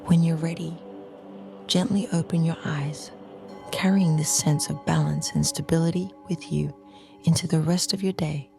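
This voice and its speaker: Over music, a deep-voiced woman leads a calm grounding meditation. She speaks slowly and gently in brief, measured phrases, her voice soft, breathy, and half-whispered.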